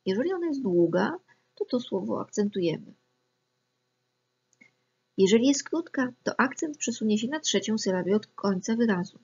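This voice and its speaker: A woman teaching a lesson on Latin pronunciation, explaining rules calmly and spelling out example words one by one. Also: on the high side, moderate pace, long pauses, breathy edge. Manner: calm, methodical, spells out examples. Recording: slightly dull, lo-fi recording.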